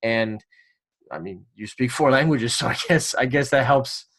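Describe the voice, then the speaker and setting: A male podcast host in a relaxed interview. His voice sits at a middle pitch. He talks in a friendly, joking way and often stumbles over repeated words. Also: moderate pace. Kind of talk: casual interview chat.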